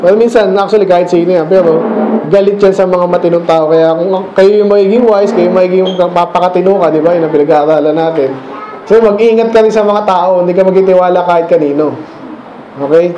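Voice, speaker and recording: A man's voice: sits high, a little fast, noisy background. A man with a Filipino accent, preaching a conversational Bible lesson and checking in with questions like "okay?" and "right?". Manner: keeps checking in with rhetorical questions. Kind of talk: conversational Bible teaching sermon. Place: church. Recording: echoey church room, dull lo-fi sound.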